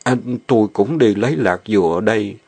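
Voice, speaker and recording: Brief: man doing a bashful young farmhand, halting and pleading, lower voice. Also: gravelly, darkish tone, breathy edge. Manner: stammering, pleading. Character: young male farmhand, shy and lovesick. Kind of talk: audio drama reading.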